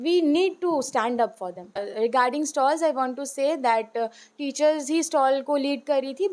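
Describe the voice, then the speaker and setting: A woman's voice: high voice, darkish tone. A woman teacher answering interview questions earnestly, switching between Hindi and English with frequent "uh" fillers. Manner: earnest, heartfelt. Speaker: school teacher.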